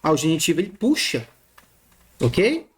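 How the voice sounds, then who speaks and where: A man's voice: on the high side, wildly swooping pitch, unhurried. A man teaching Greek grammar in a recorded lesson, repeating his points and often checking in with the class while he points at written text.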